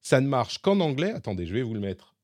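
A male podcast host talks through new tools in a relaxed, chatty way. His voice sits at an ordinary pitch. The sound is dry and close, with little room around it. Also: fast talker, dry recording. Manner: explaining and demonstrating tools live, chatty. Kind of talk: casual tech chat.

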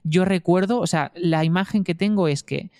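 Earnest Spanish man, smooth clear voice. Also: high voice, moderate pace, darkish tone, dry recording, clean studio sound. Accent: Spain Spanish. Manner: earnest, detailed, hesitant with fillers. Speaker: new father telling his birth story. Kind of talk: casual storytelling.

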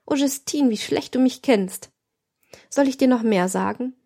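A woman's voice: high voice, measured pace, creaky, warm tone, pitched above the performer's own voice, full character voice. A woman reading as a cruel young nobleman. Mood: scheming. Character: cruel, scheming young nobleman, cold and depraved. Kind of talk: audiobook reading.

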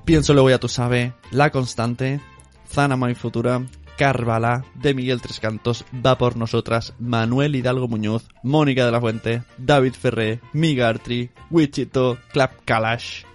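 A man co-hosts a podcast, joking and reading long lists at a quick clip. His voice sits at an ordinary middle pitch. Soft music plays faintly underneath. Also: steady tone. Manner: jokey, rapid list-reading, bursts of laughter. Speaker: podcast co-host. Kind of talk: casual podcast banter.

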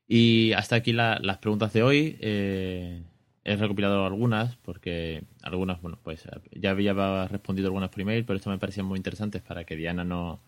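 Low-voiced man hosting a casual podcast. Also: dry recording. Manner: relaxed, rambling with restarts. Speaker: podcast host.

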